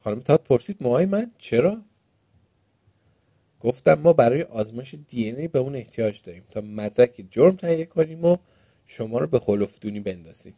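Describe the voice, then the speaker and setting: A man's voice: mid-range voice, no room sound, studio quality. Man reading a children's story in Persian. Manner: lively first-person storytelling, playful. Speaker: narrator.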